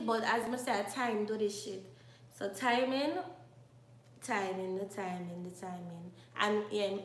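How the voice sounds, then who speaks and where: A woman's voice: a little high, a bit bright, reverberant. A young Jamaican woman with a Jamaican accent, chatting casually to her viewers and drifting between patois and English. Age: young adult. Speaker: YouTuber.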